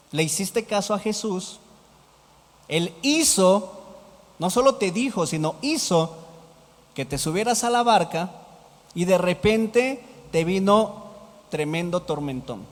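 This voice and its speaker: A man's voice: high-pitched, very animated, slow pace, pauses often. A man preaching a sermon as pastor, asking the congregation rhetorical questions. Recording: hall reverb.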